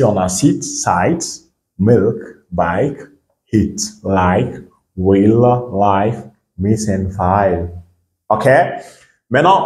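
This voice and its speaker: A man from Guinea teaching an English lesson in a low, deep voice. He repeats each word slowly and keeps checking with his students. The sound rings in an echoey room. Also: a little mellow. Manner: repeats words slowly and asks "you understand me?". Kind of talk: bilingual language lesson.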